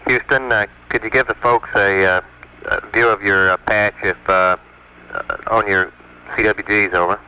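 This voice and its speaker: A man's voice: fairly low pitch, steady tone, moderate pace. An American man at mission control, speaking in clipped radio procedure over a space radio link. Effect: space radio transmission. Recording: noisy, dull 1960s space radio with clicks.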